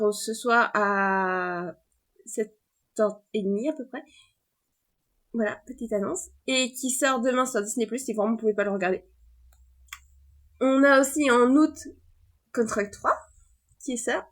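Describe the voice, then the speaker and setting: A woman vlogger in casual chat, running through entertainment announcements with excitable fan chatter that trails off and restarts. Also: sits high. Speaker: vlogger sharing entertainment news.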